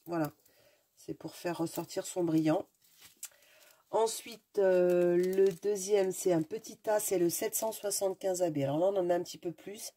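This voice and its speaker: This woman speaks at a normal pace in a lowish, warm voice. She hosts craft videos and, sniffling through a stuffy nose, chats with casual enthusiasm during an unboxing, often hunting for words.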